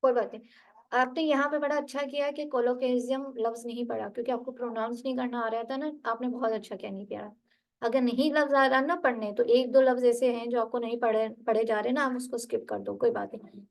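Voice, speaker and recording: High-voiced woman coaching a student. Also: fast talker, poor audio. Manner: patient, coaching, corrective. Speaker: English test tutor. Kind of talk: online tutoring session.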